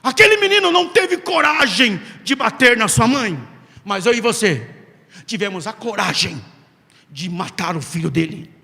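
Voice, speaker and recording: A man delivers a sermon in a very high voice, telling a story with dramatic pauses and acting out the lines of each character. His voice carries a long reverb from a large hall. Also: very animated, gravelly, bright, forceful tone. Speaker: preacher.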